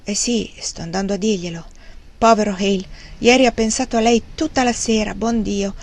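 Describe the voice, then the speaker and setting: A woman reading the lines of a wry, grieving old gentleman in an audiobook, with a rambling, self-mocking manner. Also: mid-range voice, steady tone, moderate pace, close to an everyday voice.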